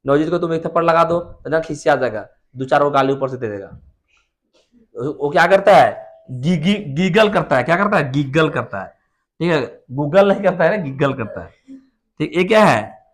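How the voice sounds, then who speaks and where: A man's voice: fairly high pitch, animated, normal speed. A man teaching English vocabulary to a class, explaining words with everyday examples and putting questions to his students.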